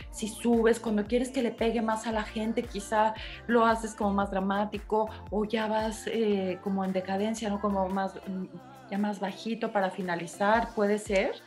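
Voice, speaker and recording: A woman, a radio host, asking her guest questions in a thoughtful way. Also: medium pitch. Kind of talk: interview conversation.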